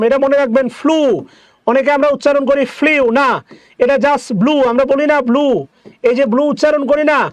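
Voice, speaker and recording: A man teaching a grammar lesson, explaining answers and repeating each word slowly for his students. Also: very high voice, dry recording.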